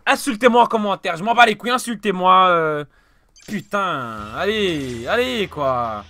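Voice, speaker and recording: A young man commenting on his own fighting game play, swearing and yelling at the screen, then muttering. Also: sits high, expressive, measured pace, gravelly, no echo. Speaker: let's play gamer. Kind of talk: frantic let's play commentary. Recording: game music behind the voice.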